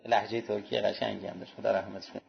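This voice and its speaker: A man's voice: level tone, gravelly, muffled recording. A man preaching a sermon, telling anecdotes and acting out the people he quotes. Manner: storytelling, acts out quoted speech with raised pitch.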